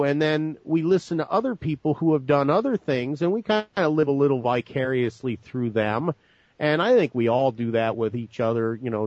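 A man's voice: fairly high pitch, a little mellow, no room sound, lo-fi sound. A man hosting a talk show, asking long, rambling questions and correcting himself as he goes. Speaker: host. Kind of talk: casual interview talk.

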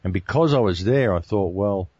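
An Australian man, a guest on a talk show, telling a long travel story in a relaxed, rambling way with frequent restarts. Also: lowish voice, moderate pace, husky, no echo, highs cut off. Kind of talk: casual interview talk.

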